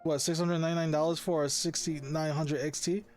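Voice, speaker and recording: A man's voice: fairly high pitch, flat delivery, fairly quick, a little mellow, faint music behind. A young man hosting a casual podcast chat, rambling with lots of restarts, swearing and laughing. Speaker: podcast host.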